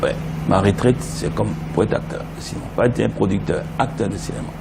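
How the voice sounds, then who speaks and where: A middle-aged Yoruba-speaking man from Benin chats animatedly as a guest in a casual interview, speaking a little fast with a fairly low pitch and vocal fry. An animated storyteller, he breaks into song, against a noisy background.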